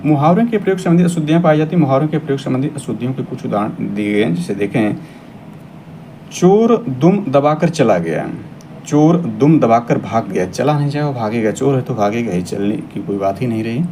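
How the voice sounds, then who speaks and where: A male teacher gives an exam-prep grammar lesson in a mellow, darkish voice. He reads each example sentence aloud, then repeats it in corrected form. A faint hiss sits under the recording. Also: mid-range voice.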